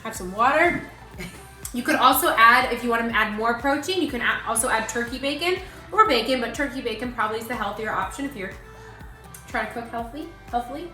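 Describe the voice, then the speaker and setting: A woman's voice: on the high side, a little fast, pushed and bright. A woman joining a cooking show as a guest, cheerfully commenting while she tastes the food. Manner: cheerful, playful tasting comments. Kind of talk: casual cooking demonstration. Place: kitchen. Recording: echoey room, background music.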